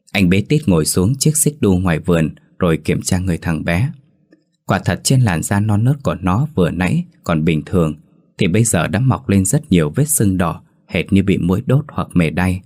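A man narrating a scripted story with a steady, measured reading. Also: low voice.

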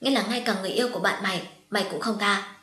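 A woman voicing a spirited young woman who exclaims loudly and retorts quickly. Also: medium pitch, echoey room, close to an everyday voice. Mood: indignant.

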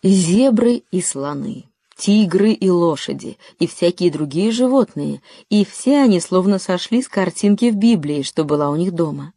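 Woman narrating with a low, mellow voice. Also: lively intonation, moderate pace, no echo. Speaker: audiobook narrator. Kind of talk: scripted narration.

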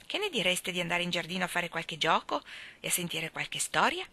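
Kind calm young woman minding kids, woman reading her, bright voice. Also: fairly low pitch, a little fast, full character voice. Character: gentle patient young woman caretaker.

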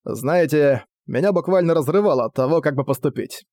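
A man's voice: fairly high pitch, animated, fairly quick, darkish tone, no echo. A man voicing a cunning young prince who talks casually and mockingly. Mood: flippant. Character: young male prince, cool, cunning and flippant.

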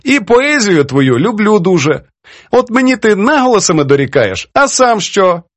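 A woman's voice: medium pitch, sing-song, moderate pace, no echo, voice pushed up. A man doing a teasing old woman poet. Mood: mocking. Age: older. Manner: teasing, laughs easily. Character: merry elderly woman children's poet, teasing.

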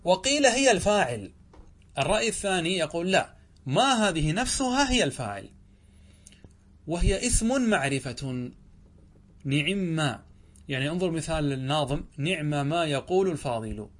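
A male teacher working through a grammar text, with a speaking voice a little higher than most men's. He reads each passage slowly and deliberately, then breaks it down in plain classroom talk. He keeps posing questions to his listeners and answering them himself. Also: big pitch swings, fairly bright tone.

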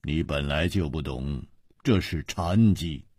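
A man's voice: extremely low pitch, takes it slowly, a little mellow, slightly rough, dry recording, studio quality, pitched below the performer's own voice, full character voice. A man storyteller voicing a witty, carefree swordsman hero who speaks playfully in riddles. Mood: teasing, riddling. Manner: playful, riddling, laughs often.

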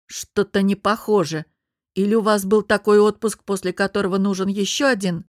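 Audiobook: woman doing rude young man, gruff, rumbling, slightly lowered and loud. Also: fairly even intonation, normal speed, no echo, clean studio sound, lightly acted. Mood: angry. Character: tall angry rude young man, pushy.

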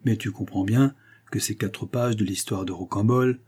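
A man's voice: fairly low pitch, moderate pace, darkish tone, breathy edge. A man reading the part of a scheming young male bandit in an audiobook, speaking in a mocking, carefree tone.

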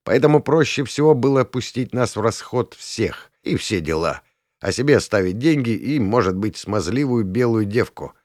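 A man narrating a first-person novel in a calm, measured reading. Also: lowish voice, no room sound, clean studio sound. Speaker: audiobook narrator.

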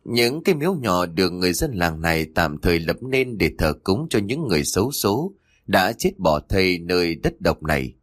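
A man's voice: low voice, sing-song, normal speed, no echo. A man narrating a grim horror story with dramatic storytelling.

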